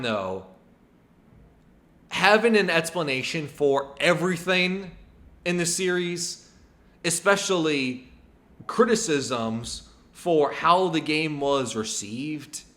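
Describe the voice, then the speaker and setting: A male streamer talks loosely over a video he is reacting to. His voice is bright and forceful, and he wanders through his points with many fillers and hedges. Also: a little high. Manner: rambling, hedging, many fillers. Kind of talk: casual live-stream commentary.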